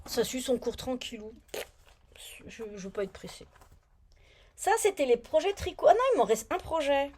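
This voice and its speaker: A woman's voice: high-pitched, sing-song, normal speed, long pauses, darkish tone, slightly rough. A woman chatting casually on her knitting vlog, rambling, muttering to herself as she looks for things and grumbling about a badly written pattern. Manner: grumbling, annoyed. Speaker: knitting vlogger.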